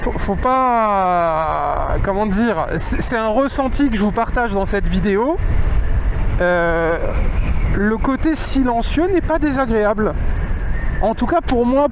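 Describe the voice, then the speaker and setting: A man with a high voice talks casually as he rides, thinking aloud in an informal way. The sound comes from inside a motorcycle helmet, with clear outdoor road and vehicle noise behind him. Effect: voice muffled inside a motorcycle helmet. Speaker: motovlogger test-riding an electric motorcycle. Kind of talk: casual ride-along commentary. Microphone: microphone inside the helmet.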